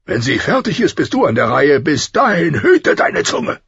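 A burly king with a short temper, as a male narrator voices him in a storybook reading, thundering loud orders in a raised, strained voice. It sounds husky and a touch dull. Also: a little high, big pitch swings, moderate pace, no echo, voice pushed up, full character voice. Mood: furious. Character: burly, hot-tempered king, booming with rage.

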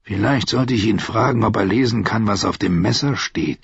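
A man voicing a resentful young man who mutters with quiet menace. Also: moderate pace, gravelly, slightly rough, dry recording, exaggerated voice. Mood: bitter. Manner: low, muttering, grudging. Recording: dull, muffled audio.

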